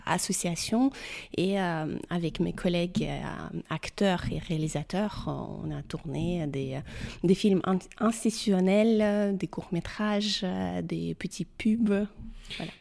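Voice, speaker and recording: A woman's voice: fairly low pitch, takes it slowly, gravelly, darkish tone. A woman in her thirties from Ukraine, speaking French with a Ukrainian accent, answering interview questions hesitantly with many fillers. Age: 30s. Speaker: guest.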